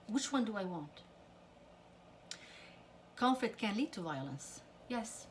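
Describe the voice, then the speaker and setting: This family counselor, a middle-aged woman, takes it slowly yet sounds very animated in her medium-pitched voice. Her earnest talk to parents covers conflict with teenagers, and she performs the lines of quoted parents and teens over slight background noise.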